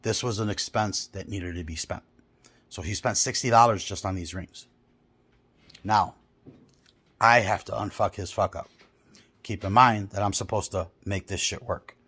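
A blunt car audio installer talks through speaker wiring in casual workshop chat. His voice sits a little low, and he swears freely as he tells the story. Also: normal speed, pauses often, fairly bright tone, breathy edge.

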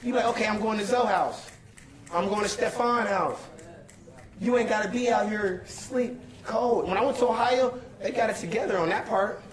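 A man's voice: high-pitched, normal speed. A young man giving an urgent, pleading speech to a crowded council chamber, often repeating himself to hold the room. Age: young adult. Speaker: protester addressing a council meeting. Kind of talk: impassioned public address. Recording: echoey chamber with loud crowd. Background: shouting crowd.

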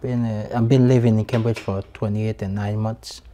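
A man answers questions in a TV studio. His voice is dark and mellow, and he often stops and restarts his words. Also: fairly low pitch, little pitch movement, normal speed. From Haiti. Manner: hesitant, repeats and restarts words. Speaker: guest, English student. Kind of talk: interview answers.

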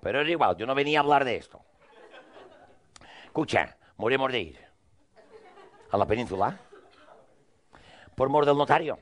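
A man's voice: medium pitch, lively intonation, normal speed, long pauses. A man telling a rambling, crude comic monologue in character, acting out both sides of the dialogue.

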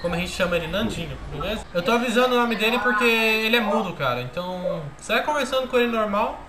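Easygoing young Brazilian prankster on headset. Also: male voice, high-pitched, animated, fast, crowd noise. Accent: Brazilian Portuguese. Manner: easygoing, persuasive, slangy. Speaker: gaming youtuber. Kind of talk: casual prank chat on game voice.

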